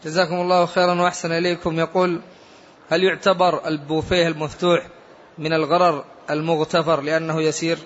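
A man's voice: a little high, level tone, fast, muffled recording, slight background noise. A man moderating a lecture, reading out submitted questions in a polite, formal way.

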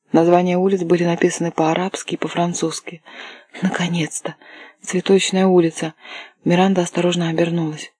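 A steady audiobook narration with a mellow, husky voice. It is recorded close and dry, with no room sound. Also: medium pitch, no echo. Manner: steady storytelling. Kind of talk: scripted narration.

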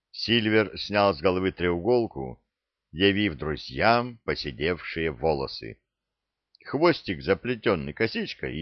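A man narrating an audiobook in an unhurried, expressive reading. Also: on the low side, dry recording. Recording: dull lo-fi dry recording.

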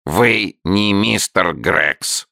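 A man putting on a creaky, courteous talking salamander. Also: low-pitched, expressive, pushed and bright, dry recording, clean studio sound, voice pushed up, exaggerated voice. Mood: polite. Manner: slow, drawn-out, syllable-by-syllable speech. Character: creaky-voiced talking salamander, slow and polite.

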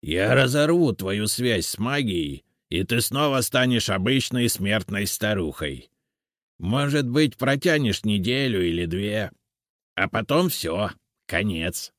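A man voicing a confident, stern male house spirit who speaks slowly and firmly, in an audiobook. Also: lowish voice, no room sound, studio quality, voice pushed up. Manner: calm, confident, slow and firm.

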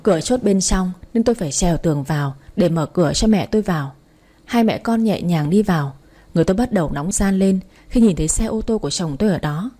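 A woman narrating a first-person family drama story in a steady, calm way. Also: on the low side, quick pace.

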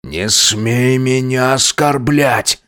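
A man voicing a domineering older father in an audiobook, slow, cold and contemptuous. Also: medium pitch, a bit bright, pitched above the performer's own voice. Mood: scornful. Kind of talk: audiobook character voice.

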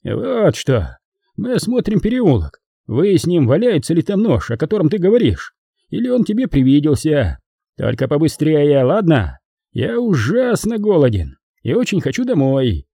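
A man voicing a stout, fatherly male constable with a booming, good-natured voice. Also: wildly swooping pitch, normal speed, creaky, dark tone, breathy edge, dry recording, studio quality, heavily acted. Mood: genial.

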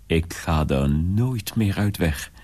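A man's voice: low voice, lively intonation, takes it slowly, a little mellow, full character voice. An actor playing a young son in a radio drama, confiding in his mother in a wondering, often whispered way. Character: young man telling his mother of a strange household.

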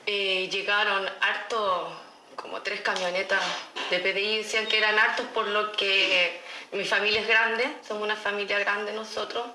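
A woman's voice: mid-range voice, flat delivery, normal speed, sharp tone, echoey room, a little hiss or hum. A middle-aged woman with a Chilean accent gives an earnest, emphatic personal testimony in an interview, repeating herself as she recounts events. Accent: Chilean Spanish. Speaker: interviewee, mother of an accused teen.

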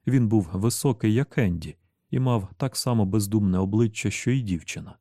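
A man narrating an audiobook in a steady, measured reading voice. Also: lowish voice, no room sound, studio quality.

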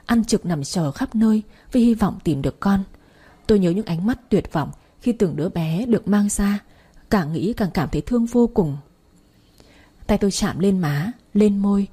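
A woman's voice: mid-range voice, warm tone, slightly rough. A woman narrating a first-person audiobook in a grieving, emotional way.

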